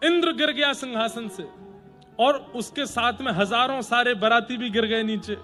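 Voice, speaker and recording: A man tells a devotional story from the pulpit, slipping in playful, joking asides. His voice sits high for a man. Faint instrumental music hums softly behind him. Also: moderate pace. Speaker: preacher and storyteller.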